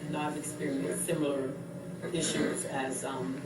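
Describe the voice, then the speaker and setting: Male mayor, hesitant answers, flat slightly high voice, noisy far-off mic. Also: measured pace. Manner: hesitant, many fillers. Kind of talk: answering interview questions. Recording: echoey room from far off, noisy.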